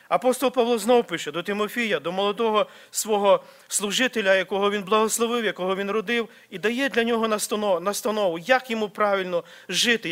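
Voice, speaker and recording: A man's voice: sits high, a bit bright. A man preaching a sermon at a church service, earnest and repetitive, restarting phrases as he exhorts. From Ukraine or Slavic region.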